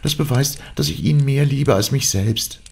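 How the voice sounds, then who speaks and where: A man's voice: moderate pace, creaky, natural voice. A man reading an audiobook aloud, voicing a spirited young woman who pleads and frightens easily. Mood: pleading. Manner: raised, lively girlish pitch.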